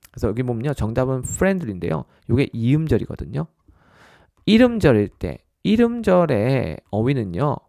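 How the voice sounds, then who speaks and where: A man delivers a recorded test-prep lecture in a mellow, darker voice at a mid pitch. He keeps checking in with his listeners through short tag questions and calls them his students. The sound is dry and close, with no room around it. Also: vocal fry, no echo. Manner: addresses listeners as "our students". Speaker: English test prep instructor.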